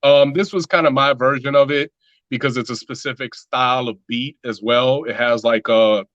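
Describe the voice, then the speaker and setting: A man's voice: medium pitch, fairly even intonation, normal speed, a bit bright, dry recording, highs cut off. A man talking as a musician guest in a casual interview, loose and rambling with lots of filler words.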